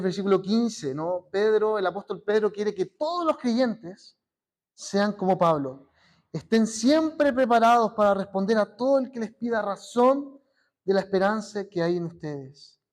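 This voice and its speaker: A man's voice: high-pitched, darkish tone. A man with a Chilean accent preaching a sermon as pastor, earnest, often asking his listeners rhetorical questions and acting out short quotes. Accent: Chilean Spanish. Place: church.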